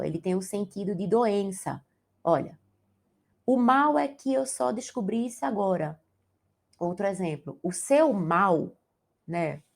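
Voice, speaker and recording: Young brazilian woman teacher, bit of a gravelly fry, walks you through grammar asking "ok? tá?". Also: medium pitch, a little mellow. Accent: Brazilian Portuguese. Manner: explanatory, asks the class to check in with tag questions. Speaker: Portuguese teacher. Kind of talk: exam-prep grammar lesson.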